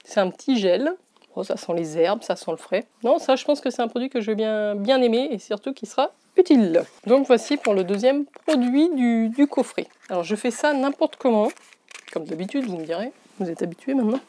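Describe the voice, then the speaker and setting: Chatty woman with a mellow, raised voice. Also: a little high, animated, a little fast. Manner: chatty and rambling, many hesitations. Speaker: beauty vlogger. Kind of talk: casual unboxing chat.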